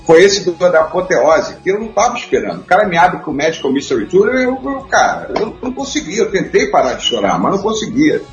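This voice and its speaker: Animated man telling stories in a roomy studio. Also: high-pitched, brisk, hardly any pauses. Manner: animated storyteller, laughs often. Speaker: guest. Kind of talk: casual chat. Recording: muffled roomy sound with faint music.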